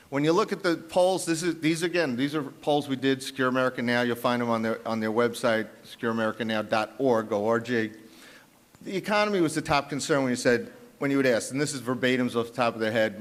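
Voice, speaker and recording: A man from the South Bronx with a New York accent, presenting poll numbers emphatically on a conference panel. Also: mid-range voice. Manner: emphatic, punchy, with frequent restarts. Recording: long reverb of a large conference hall.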